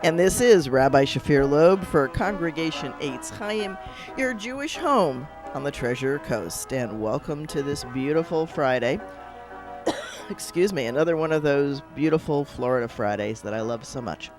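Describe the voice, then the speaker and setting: Rambling rabbi on a radio show. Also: male voice, on the high side, animated, moderate pace, music in the background. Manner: rambling, hesitant with many fillers. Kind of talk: casual radio chat.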